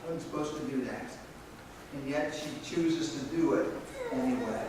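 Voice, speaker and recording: A man's voice: on the high side, steady tone, normal speed, heavy background noise. A man preaching a sermon as pastor in a church, talking in a conversational way with fillers and restarts. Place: church sanctuary. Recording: echoey church hall from far off.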